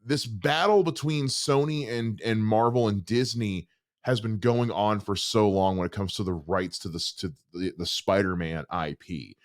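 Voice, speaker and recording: A man hosting a trailer reaction show, ranting in exasperated, animated commentary. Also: lowish voice, moderate pace. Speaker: host.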